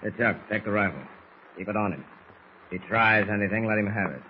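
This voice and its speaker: An actor playing a tough, threatening smuggler boss with slangy gangster bluster in an old radio serial. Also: male voice, on the low side, quick pace, close to an everyday voice. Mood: gloating, menacing. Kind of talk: 1940s radio serial acting. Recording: muffled, hissy old radio recording.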